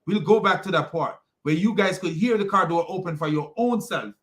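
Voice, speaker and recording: A Jamaican religious commentary host rants in an online video, scornful and mocking, piling on insults and stumbling through many restarts. He speaks a little fast, in a high-sitting, fairly bright voice.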